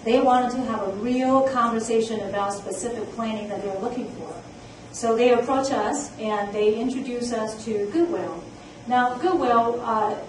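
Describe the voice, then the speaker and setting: A woman with a slightly high voice, an immigrant, gives a conference talk in a conference room, speaking earnestly and using lots of fillers. The room is echoey, the mic is far away, and there's slight background noise.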